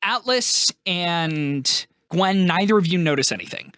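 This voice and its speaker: A man's voice: high-pitched, lively intonation, unhurried, sharp tone, smooth, no room sound, clean studio sound. A man narrating a tabletop game as game master, casual and laughing often.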